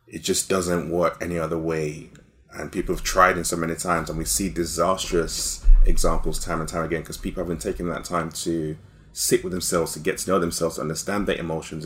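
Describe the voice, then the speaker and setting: A male podcast host with a very deep voice, warmly affirming what his guest says before moving to the next question. He talks in a relaxed conversational way. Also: fairly quick. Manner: enthusiastic, affirming interviewer. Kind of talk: interview chat.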